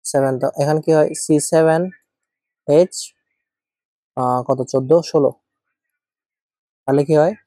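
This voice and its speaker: A man's voice: a little high, fairly even intonation, unhurried, long pauses, dark tone, dry recording, clean studio sound. A male chemistry teacher giving an informal lecture, asking and answering his own questions and checking in with students often. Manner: asks and answers his own questions, thinks aloud while writing.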